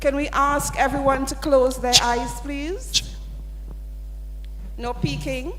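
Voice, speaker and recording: A woman representing a sponsor at a student event leads the audience through an interactive exercise, upbeat and coaxing. Her high, fairly bright voice is steady and slow, with a little hiss or hum and reverb from the large hall.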